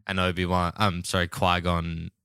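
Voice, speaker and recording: Man, podcast host, casual chat, low-ish, smooth. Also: monotone, moderate pace, sharp tone, dry recording, clean studio sound.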